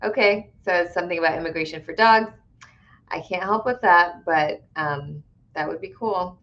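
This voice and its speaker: A woman immigration attorney from Connecticut, USA, fields viewer questions on a live stream, explaining things conversationally with lots of filler words and frequent "right?" tags. Her voice is fairly low and a bit bright, at a moderate pace, with the highs cut off.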